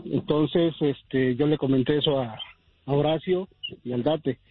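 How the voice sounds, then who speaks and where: A man rambles on the phone as he explains himself to radio hosts. His slightly high voice is husky and dry, squeezed through a phone line. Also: steady tone, measured pace, no echo. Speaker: caller. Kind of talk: phone-in chat.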